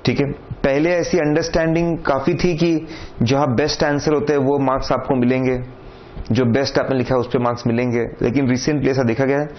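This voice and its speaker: A man's voice: medium pitch, steady tone, a little fast. A man with an Indian accent giving an exam coaching lecture, talking directly and instructively and checking again and again that students follow. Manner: direct, repeats "correct?" and "theek hai", instructive. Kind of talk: lecture mixing Hindi and English. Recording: dull lo-fi sound with faint noise.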